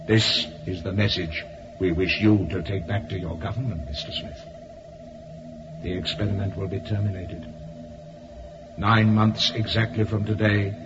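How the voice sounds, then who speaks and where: Male actor as a grave alien council voice, low, measured, radio play, lo-fi. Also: close to an everyday voice. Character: solemn collective voice of alien spirit council. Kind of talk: radio drama acting.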